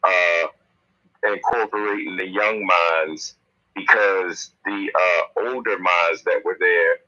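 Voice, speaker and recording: A man's voice: low voice, steady tone, takes it slowly, bright, forceful tone. A man talking earnestly over a speakerphone call from his car, with frequent fillers and restarts. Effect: speakerphone call from a moving car. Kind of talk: casual discussion. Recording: dull, lo-fi car phone line.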